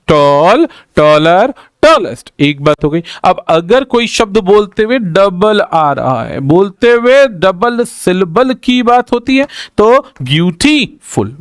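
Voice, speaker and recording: A man's voice: sits high, clean tone, no room sound, studio quality. A male teacher explaining exam answers, repeating key points and calling his students "bhai" as he mixes in English grammar terms.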